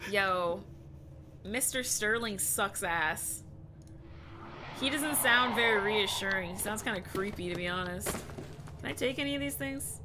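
A woman's voice: medium pitch, measured pace, long pauses, background noise. A young woman streaming a horror game, jumpy and exclamatory, swearing as she plays. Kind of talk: live horror game commentary. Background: game music.

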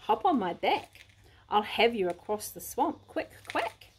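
A woman voicing a greedy, sly male crocodile in a storybook reading, smug and low. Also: sing-song, a little slow, slight background noise.

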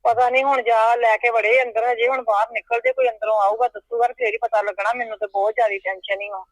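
An anxious aunt, played by a woman, rattles off hospital news fast and in a rambling way. The voice is fairly low for a woman and sounds dry and close. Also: level tone, no room sound, lightly acted, poor audio. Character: worried aunt reporting from hospital. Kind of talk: amateur family drama acting.

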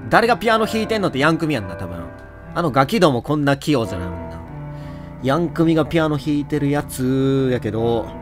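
A man with a Kansai accent giving jokey, animated running commentary on a horror game and talking to its characters. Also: fairly high pitch. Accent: Kansai Japanese. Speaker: let's play host.

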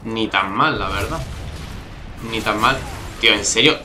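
Chatty Spanish gamer from Spain, voice kept down. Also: male voice, lowish voice, unhurried. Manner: chatty, exasperated, swears often; keeps voice down, not shouting. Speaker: gaming YouTuber. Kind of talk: gameplay commentary. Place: home room, early morning.

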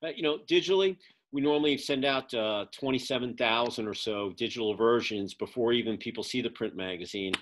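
Speaking briskly at medium pitch, this middle-aged man, who publishes a magazine and produces events, rambles through a casual update with plenty of fillers. He's on a webcam video call from his home office.

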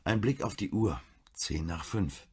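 A man reading a German crime audiobook in a calm, measured way. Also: low voice, husky. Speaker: audiobook narrator. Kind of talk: scripted narration.

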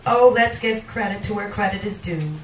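In a small bar room, a middle-aged woman, the featured poet, recites her poetry live into a handheld mic with a mid-range voice, theatrical and slow, deliberate in every line. A camera in the room picks her up from a distance, so the recording is roomy and noisy with bar sound.

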